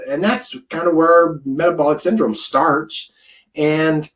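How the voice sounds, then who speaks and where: A food scientist in his fifties gives an informal wellness presentation, rambling and chatty with plenty of fillers. His voice is fairly high-pitched and sits close to the camera mic.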